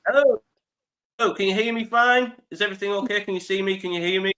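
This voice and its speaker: A man's voice: sits high, fast, bright, forceful tone. Guy in his 30s with the flu, bunged up, laughs a lot, hosting a casual interview. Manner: chatty, laughs often, self-deprecating. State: stuffy with flu. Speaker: interview host.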